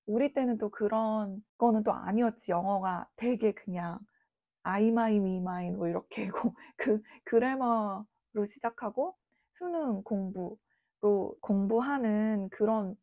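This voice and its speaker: Mellow-voiced woman in her late thirties. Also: medium pitch, dry recording, lo-fi sound. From South Korea. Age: late 30s. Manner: chatty and reflective, informal speech. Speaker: vlogger. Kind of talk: casual talking-to-camera vlog.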